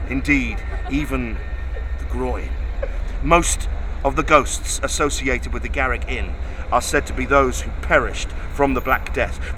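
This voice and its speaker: Clear street noise and vehicles sit behind a man with a medium-pitched voice. He performs as a ghost tour guide, narrating in a measured, theatrical style. His phrases are deliberate and broken by dramatic pauses. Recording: clear outdoor street noise, passing traffic.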